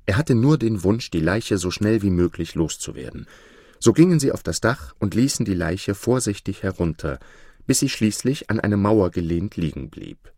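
A man calmly reading an old tale aloud as narrator, in a measured storytelling manner. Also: fairly low pitch, no room sound, clean studio sound.

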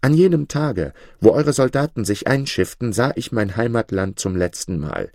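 Male reader voicing a young Egyptian boy, homesick and pleading, raised voice, lively lilt, dry close sound. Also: lowish voice, moderate pace, vocal fry, no room sound. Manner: pleading, earnest.

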